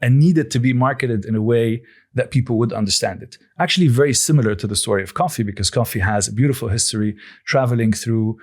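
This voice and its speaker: Born and raised in Lebanon, the forty-something founder of a coffee company is a podcast guest. He answers in a mid-range voice, taking a considered, reflective approach and frequently stopping to begin again.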